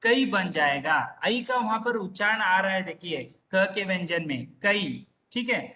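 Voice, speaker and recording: A man's voice: sits high, animated, normal speed, sharp tone. A man teaching an online class in a patient, repetitive way, drawing out syllables and checking in often. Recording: voice far from the mic.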